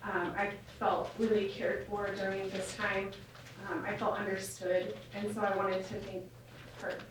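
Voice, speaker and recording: A nervous woman reading a prepared victim impact statement aloud in a courtroom, measured and formal with soft fillers, captured on a courtroom recording. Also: mid-range voice, little pitch movement. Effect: courtroom audio recording. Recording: echoey courtroom, distant mic, faint hiss.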